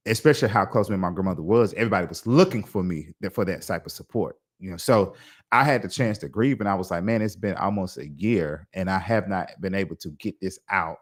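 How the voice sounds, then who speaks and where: Low-voiced man, reflective podcast host. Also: fast talker. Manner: reflective, talks in restarts and asides. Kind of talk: casual interview chat.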